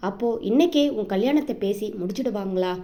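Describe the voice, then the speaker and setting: A woman reading the lines of a sharp-tongued young woman who teases and scolds her friend, in an audiobook novel. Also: medium pitch, animated, fairly quick, natural voice. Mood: teasing. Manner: teasing, scolding.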